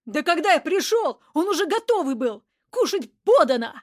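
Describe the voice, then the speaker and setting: A quick-tempered, foul-mouthed man, as a woman narrator puts him on for a crime audiobook. He barks and argues in a raised, rough voice. The voice sits fairly high and sounds dry and close. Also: lively intonation, dry recording. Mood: yelling. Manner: shouting, coarse street talk. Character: rough, hot-tempered hunted man, loud and defensive.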